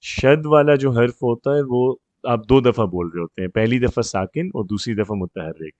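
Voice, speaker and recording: A man works through grammar rules with a single student in an even, mid-range voice. He goes step by step, drawls out example words slowly, and keeps checking that she follows. The sound is dry and close, with no room behind it. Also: medium pitch, no room sound, muffled recording. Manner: explains step by step, checks understanding often; slows down to spell out example words. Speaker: Arabic grammar teacher. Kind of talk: patient one-on-one grammar tutoring.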